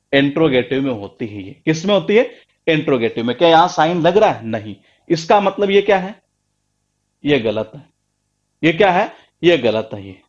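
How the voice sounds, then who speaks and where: A man's voice: high-pitched, muffled recording. A man teaching a grammar class, emphatic and repetitive, quizzing his students again and again. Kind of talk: live online class lecture.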